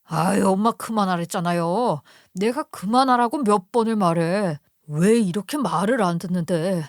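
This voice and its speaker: A woman's voice: medium pitch, moderate pace, no echo, clean studio sound, close to an everyday voice. A woman voicing a desperate husband who pleads frantically in a story radio drama. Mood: frantic.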